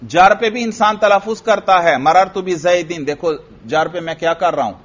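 A man's voice: sits high, expressive, moderate pace, a bit bright, lo-fi sound. A man teaching a classical grammar lesson, asking his students questions and answering them himself, repeating each point. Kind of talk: Arabic grammar lesson in Urdu.

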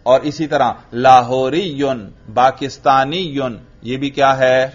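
Brief: male teacher, mid-pitched, quizzes his class, dull lo-fi recording. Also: steady tone. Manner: asks the class questions and answers them himself, repeats key terms slowly. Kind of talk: classroom grammar lesson.

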